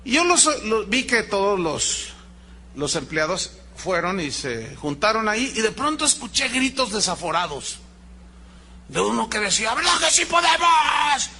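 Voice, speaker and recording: A man's voice: sits high, measured pace, slight background noise. A man preaching a sermon, telling stories and asking the congregation questions. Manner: animated, storytelling, rhetorical questions to the congregation. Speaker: pastor.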